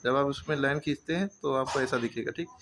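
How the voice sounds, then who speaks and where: A man's voice: mid-range voice, fast talker, a bit bright, slight background noise. A man teaching a handwriting lesson, explaining patiently step by step and often checking that the students follow.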